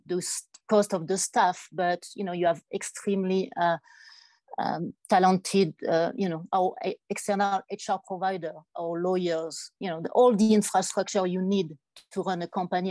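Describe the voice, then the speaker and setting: Mellow, low-voiced woman on a business panel. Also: no room sound. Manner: hesitant, many restarts and fillers. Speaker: startup executive on a panel. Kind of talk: panel discussion.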